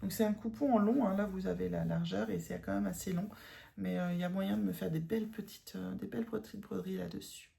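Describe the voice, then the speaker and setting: A tired woman with a northern French accent chats through her cross-stitch haul in a loose, rambling way, full of fillers and restarts. Her voice is gravelly, with a dark, mellow tone. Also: medium pitch, steady tone, quick pace. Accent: northern French, Ch'ti. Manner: chatty, rambling with many fillers and self-corrections. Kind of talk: casual haul chat.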